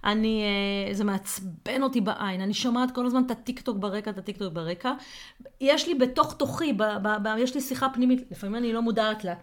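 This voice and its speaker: A woman co-hosting a casual podcast discussion, reflective and full of hesitations and worked examples. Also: on the high side. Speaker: co-host.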